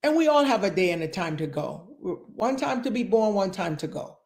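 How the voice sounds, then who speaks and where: A woman's voice: mid-range voice, sing-song, moderate pace, a little mellow. A woman in her sixties, a fitness and nutrition coach, speaking emphatically as an interview guest and repeating phrases to drive points home. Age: 60s.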